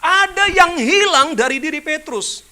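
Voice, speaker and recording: A male pastor preaching a sermon in a high, bright voice. He talks in a colloquial, animated way, with humorous asides, and keeps turning to the congregation with rhetorical questions. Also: unhurried. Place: church service.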